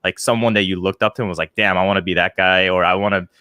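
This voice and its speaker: A man's voice: sits low, steady tone, fast talker, bright, forceful tone, smooth, dry recording, clean studio sound. A man hosting a casual interview, asking curious questions with lots of "like" fillers. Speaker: podcast host.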